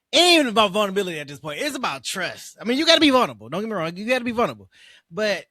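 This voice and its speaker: A man's voice: sits high, pushed and bright, dry recording, clean studio sound. A man hosting a reaction video, commenting casually and emphatically in slangy, repetitive bursts.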